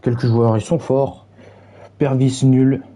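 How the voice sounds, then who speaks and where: A man's voice: medium pitch, flat delivery, takes it slowly, dark tone, a little hiss or hum. A young man streaming, reviewing match stats while mockingly taunting his chat in brash slang.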